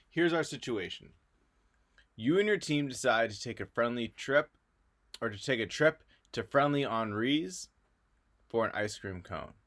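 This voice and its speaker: A man's voice: medium pitch, a bit bright. A male math teacher talking through a recorded video lesson in a friendly, explanatory way.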